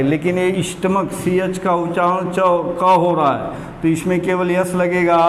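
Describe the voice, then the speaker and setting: A man with a slightly high voice teaches grammar at a very slow, deliberate pace, repeating key words over and over. His voice rings through a roomy space with a long reverb tail. Faint room noise sits behind him. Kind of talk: classroom grammar lesson.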